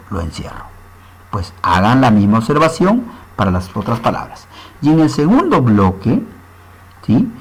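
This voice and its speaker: A man's voice: medium pitch, breathy edge, poor audio. A man teaching a recorded grammar lesson, explaining step by step and often checking in with short tag questions.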